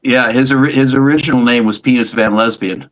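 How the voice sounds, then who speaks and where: A man in a casual group chat, delivering trivia and jokes deadpan. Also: mid-range voice, fairly quick, poor audio. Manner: deadpan joker, trivia asides.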